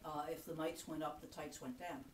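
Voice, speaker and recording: A woman's voice: low voice, steady tone, brisk. A woman visitor on a tour, making casual, joking remarks, with cave echo on her voice. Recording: echoey cave, faint noise.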